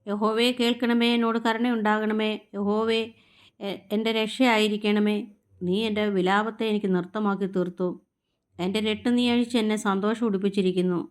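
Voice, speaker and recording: A woman reads scripture aloud, one psalm after another. Her pitch sits in an ordinary middle range, and she keeps an even, measured pace throughout. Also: clean tone. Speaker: scripture reader. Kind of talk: steady Bible reading aloud.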